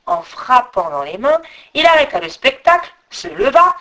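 Expressive woman reading a fairy tale. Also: sits high, normal speed, rough recording. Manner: expressive, speaking to the listener. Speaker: storyteller. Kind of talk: storybook narration.

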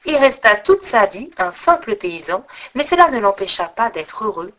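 A woman with a fairly high voice reads a fairy tale aloud. She is expressive and turns to address her listeners directly. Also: normal speed, rough recording. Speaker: storyteller. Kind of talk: storybook narration.

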